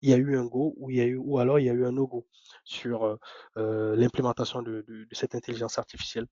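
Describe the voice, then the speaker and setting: A man giving a webinar presentation, explaining points step by step and often pausing on fillers and restarts. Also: mid-range voice, little pitch movement, dark tone, no room sound. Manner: hesitant, many fillers and restarts. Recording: dry, dull lo-fi sound.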